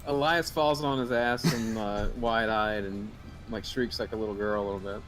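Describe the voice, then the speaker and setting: A man's voice: lowish voice, steady tone, normal speed, fairly bright tone, faint music behind. A man playing a tabletop role-playing game, chatting casually and hesitantly as he improvises his turns. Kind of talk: casual chat during role-play.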